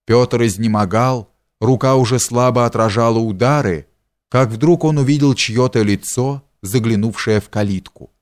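A man reading a historical novel aloud as an audiobook, steady and measured. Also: mid-range voice. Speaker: audiobook reader. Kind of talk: scripted narration of a historical novel.

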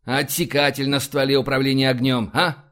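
A man's voice: medium pitch, little pitch movement, fairly quick, fairly bright tone, lightly acted. A man doing Rashin, a dry sardonic admiral.

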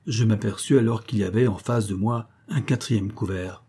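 A man reading a classic novel aloud in steady, measured audiobook narration. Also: fairly low pitch, slightly rough.

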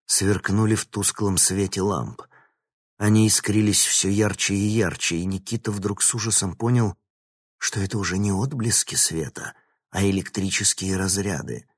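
A man narrating an audiobook in a steady, even storytelling voice. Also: lowish voice, normal speed, no room sound, clean studio sound. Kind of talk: scripted narration.

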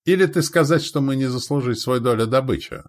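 A man's voice: mid-range voice, brisk, pitched above the performer's own voice, lightly acted. A man voicing a hearty, tall, red-bearded foreign warrior chief who speaks in broken grammar in an audiobook.

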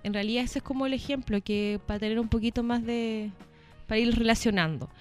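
Chilean lady teacher explaining stuff casually, kinda high voice, keeps saying ya, soft music in the back. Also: fairly quick. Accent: Chilean Spanish. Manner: chatty, checks in with "¿ya?", laughs between points. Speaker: English teacher.

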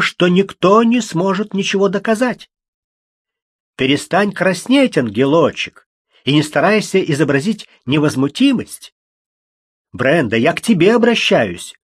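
A man reading an audiobook, voicing an excitable young man who shouts and mocks. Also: breathy edge, no room sound, clean studio sound, heavily acted. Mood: mocking. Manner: shouting, high-strung, mocking. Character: excitable young man, loud and self-reproaching.

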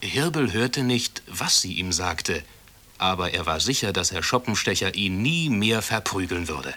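A man reading a children's story aloud in calm, measured school-radio narration. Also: deep voice. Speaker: reader.

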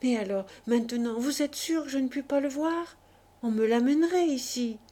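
A woman voicing an excitable, impulsive imprisoned male financier who speaks in effusive exclamations. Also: fairly high pitch, normal speed, slightly rough. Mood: distraught.

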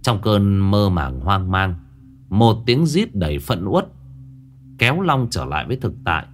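A man's voice: on the low side, a little hiss or hum. A man narrating a horror story in a dramatic, scripted telling. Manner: dramatic, lively delivery with drawn-out phrasing.

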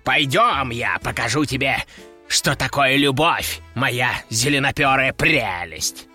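A man voicing a cheeky, brash male parrot that talks about himself in the third person with broken grammar and a creaky, squawky voice. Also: mid-range voice, takes it slowly, sharp tone, soft background music, heavily acted. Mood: flirtatious. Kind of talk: audiobook character voice.

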